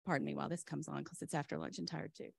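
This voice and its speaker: Flustered woman giving a rushed lightning talk, creaky low voice. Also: flat delivery, dry recording, studio quality. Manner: flustered, chatty self-interruptions while juggling laptop; enthusiastic. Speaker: conference speaker, software vendor presenter.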